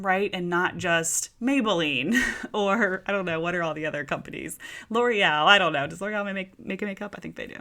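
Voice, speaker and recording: Woman, 30s, podcast host, casual chatty talk, bright forceful voice, slightly low pitch. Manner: chatty and informal, addressing listeners as "you guys" and "y'all".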